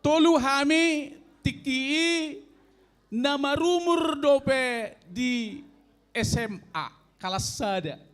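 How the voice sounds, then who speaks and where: An older man in his sixties with a Toba Batak accent, his voice sitting very high for a man. He tells a comic tale at an unhurried, drawn-out pace, addressing his listeners as elders. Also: fairly bright tone. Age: 60s. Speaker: elderly stand-up contestant. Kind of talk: stand-up comedy storytelling.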